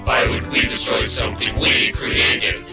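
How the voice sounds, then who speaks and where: A man voicing a calm, menacing five-headed villain in a cartoon fan movie, grandiose and ominous, layered in copies pitched up and down. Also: unhurried. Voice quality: several layered voices in unison, creaky. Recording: loud music over the voice.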